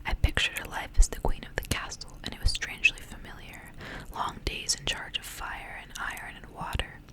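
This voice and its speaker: In a soft, intimate ASMR style, a woman reads a story entirely in a breathy, unvoiced whisper. She paces her phrasing in a measured way, as if reading a storybook aloud.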